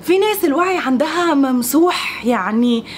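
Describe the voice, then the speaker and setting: A young woman with an Egyptian accent talking in a casual vlog, animated and exasperated, laughing often. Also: high voice, normal speed, slight background noise. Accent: Egyptian Arabic. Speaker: vlogger.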